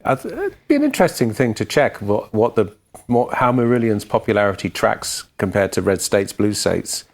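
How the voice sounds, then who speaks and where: A man's voice: on the low side, big pitch swings, moderate pace. A man co-hosting a podcast, telling band anecdotes in a dry, matter-of-fact way. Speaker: podcast co-host and musician. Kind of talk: casual storytelling chat.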